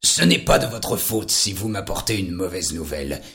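An actor playing an irritable, suspicious doctor in an audio drama, with a gravelly voice. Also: male voice, low voice, expressive, moderate pace, fairly bright tone, full character voice. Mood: grudging. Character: irritable doctor, middle-aged man, suspicious.

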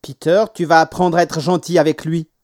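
A man's voice: on the high side, little pitch movement, brisk, no echo, natural voice. A stern mother scolds her son with firm authority, her voice raised and pressing, as a male reader puts her on. The recording is close and dry. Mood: scolding.

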